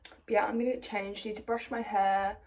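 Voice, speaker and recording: A woman's voice: medium pitch, little pitch movement, a little fast, a little mellow. Chatty young British woman vlogging. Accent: British English. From United Kingdom. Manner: chatty, rambling, self-deprecating. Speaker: personal trainer and vlogger. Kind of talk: casual day-in-the-life vlog. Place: home rooms, then a gym. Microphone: phone camera propped nearby.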